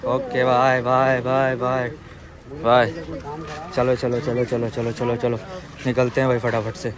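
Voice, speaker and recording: A young man in his twenties with a sore throat talks at a medium pitch and measured pace through a casual travel vlog, holding the camera at arm's length, first in a yard and then in a car. He's excited and calls out loudly when flustered, while a crowd, street noise and car sounds fill the background.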